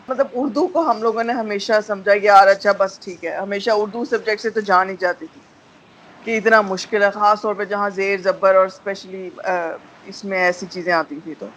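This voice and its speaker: A woman's voice: mid-range voice, steady tone, moderate pace, a bit bright, slight background noise, rough recording. A woman with a Pakistani Urdu accent giving a candid testimonial as a voice-over student, slipping English phrases into her talk.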